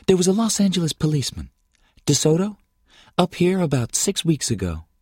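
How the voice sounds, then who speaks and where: A man reading an audiobook, voicing a friendly, persuasive young woman from a small town in a high, breathy voice. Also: mellow, dry recording, clean studio sound.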